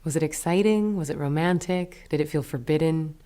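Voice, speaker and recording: Her voice sits low as she leads a guided meditation, a teacher giving calm, unhurried directions with pauses between phrases.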